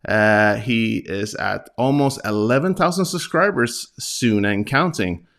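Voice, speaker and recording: A man hosting a casual interview, asking questions in a halting way and often rephrasing them. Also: on the low side, lively intonation, creaky, a bit bright. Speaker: interviewer, host.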